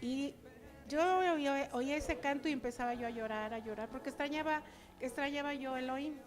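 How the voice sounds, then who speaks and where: A woman's voice: high-pitched, normal speed. An older woman giving a chatty personal testimony to her church, acting out remembered dialogue.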